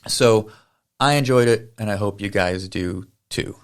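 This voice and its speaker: A man's voice: fairly low pitch, a little slow, heavy background noise. A man hosting a podcast, talking casually with many fillers and side tangents. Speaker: podcast host. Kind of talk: casual podcast intro and interview.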